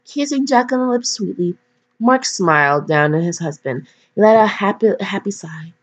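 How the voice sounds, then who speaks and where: Reading fan fiction aloud, this teenage girl keeps things casual and rambles into silly jokes at her own expense. She speaks at medium pitch with an animated delivery and moderate pace, and the recording comes through a dull lo-fi mic.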